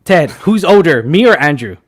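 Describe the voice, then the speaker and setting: A young man in his twenties hosts a casual film chat in a fairly high voice. He talks fast and gets loud and excited. He teases his co-hosts often. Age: 20s. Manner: excitable, loud bursts of laughter and teasing. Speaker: podcast host.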